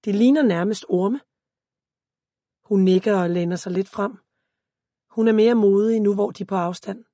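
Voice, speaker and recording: A woman reading a first-person story aloud as an audiobook narrator, in a calm, steady voice. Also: medium pitch, dry recording, studio quality.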